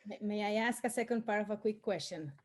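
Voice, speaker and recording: A woman's voice: mid-range voice, fast talker, background noise. A woman from the Dominican Republic asking eager, friendly questions as an audience member in an interview.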